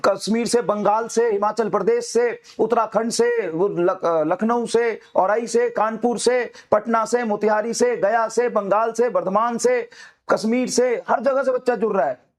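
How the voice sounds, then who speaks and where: High-pitched man, teacher, fiery motivational talk to students, hammers the same lines again and again. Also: steady tone, measured pace. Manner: fiery, repetitive exhortations.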